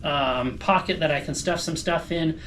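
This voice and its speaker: Man, slightly high-pitched voice, casual running vlogger, informal explanations, thinking aloud. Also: normal speed, a bit bright, slight background noise. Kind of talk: casual vlog talk to camera.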